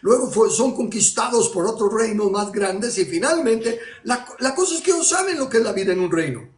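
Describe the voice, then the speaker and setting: A man's voice: sits high, expressive, a little fast, echoey room. A man preaching a sermon, emphatic and full of rhetorical questions and repetitions.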